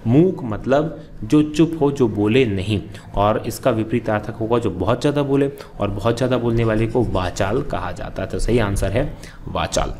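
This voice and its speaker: A man's voice: lowish voice, normal speed, darkish tone, a little hiss or hum. A man teaching an exam-prep grammar lesson, explaining step by step and asking and answering his own questions.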